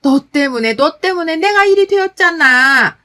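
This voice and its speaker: A woman voicing a cranky older mother-in-law who scolds loudly and whines in blame. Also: animated, normal speed, full character voice. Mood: whining blame. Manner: shrill, loud scolding and complaining.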